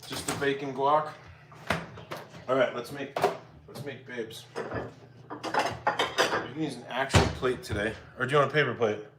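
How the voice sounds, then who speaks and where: Streaming live from his home kitchen, this man cooks and chats informally with viewers, musing aloud as he goes. His mid-range voice stays fairly even and measured, broken by long pauses, and the clear recording picks up clattering dishes and cutlery behind him.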